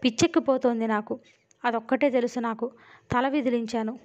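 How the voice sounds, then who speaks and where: A woman narrating a novel as an audiobook, with steady and expressive storytelling. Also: on the high side, brisk. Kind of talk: dramatic novel reading. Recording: dull lo-fi audio.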